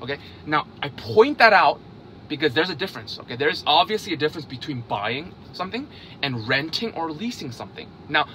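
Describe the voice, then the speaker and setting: A man in his thirties from South Korea, raised in Hungary, vlogs about investing in casual direct-to-camera talk, tacking "okay?" onto nearly every point. His voice is fairly high with big pitch swings, a little fast, bright and forceful, with a slight hiss or hum.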